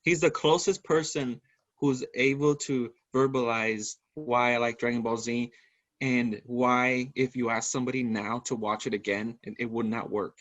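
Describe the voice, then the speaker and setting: A man hosting a podcast, telling stories in a lively, casual way and swearing freely. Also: mid-range voice, normal speed, dry recording. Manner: animated storyteller, swears freely. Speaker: podcast host. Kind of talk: casual chat.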